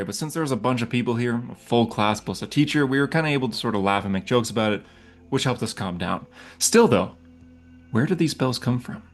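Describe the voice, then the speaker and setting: A man of middle pitch narrates a spooky tabletop setting as its game master, dropping into hushed passages to build suspense. Soft music plays faintly underneath. His delivery mixes campfire-style storytelling with practical guidance. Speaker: game master and channel host.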